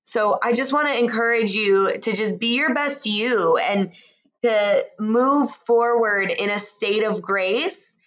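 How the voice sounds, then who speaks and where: A woman talking casually and intimately to her listener in an unhurried, drawn-out way, reassuring and encouraging. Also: fairly high pitch, fairly bright tone, poor audio. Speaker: host speaking to listeners. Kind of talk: intimate, casual motivational talk.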